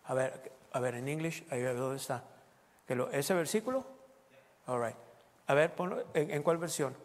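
A man preaching a sermon, reading scripture aloud and explaining it, with playful asides and loud exclamations. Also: medium pitch, animated, normal speed, long reverb tail. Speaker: pastor.

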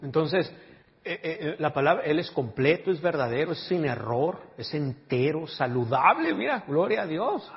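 A man's voice: fairly high pitch, lively intonation, moderate pace. Man preaching in an echoey hall. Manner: emphatic preaching with call-and-response asides. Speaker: pastor. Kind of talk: sermon. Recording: dull audio with long hall reverb.

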